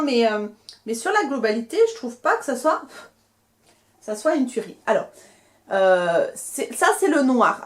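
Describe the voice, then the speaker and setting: Chatty young woman reviewing beauty products. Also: a little high. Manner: chatty, hesitant, many fillers and restarts. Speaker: beauty vlogger. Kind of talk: casual product haul review.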